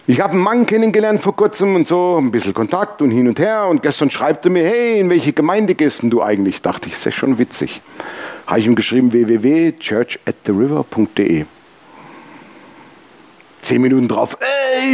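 A man preaching a sermon, telling lively personal stories and acting out the dialogue. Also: fairly high pitch. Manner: lively storytelling, acts out dialogue. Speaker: pastor.

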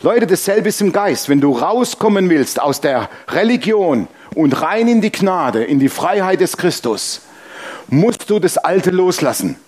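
A middle-aged man from Germany preaching a sermon and telling lively personal anecdotes. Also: high-pitched, measured pace. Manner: animated storytelling, mimics honking and quarrels. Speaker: pastor.

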